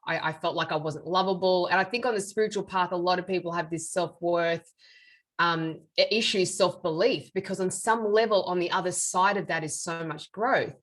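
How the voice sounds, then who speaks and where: In this interview conversation, an Australian medium and author in middle age reflects earnestly on her life as the guest. She talks at normal speed, her pitch fairly low and her voice slightly bright.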